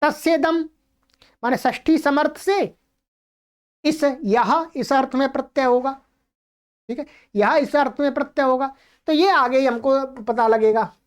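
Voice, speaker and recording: High-voiced woman teaching Sanskrit grammar. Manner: explanatory, checks in with listeners often; slows down to recite grammar rules. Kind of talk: online lecture.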